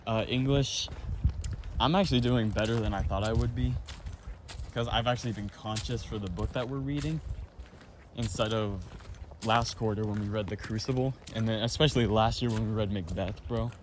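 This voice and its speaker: A tired teenage boy with a stuffy nose, rambling casually about school with many fillers and quick apologies. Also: fairly low pitch. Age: teens. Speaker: student vlogger. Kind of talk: casual chat. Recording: noisy background.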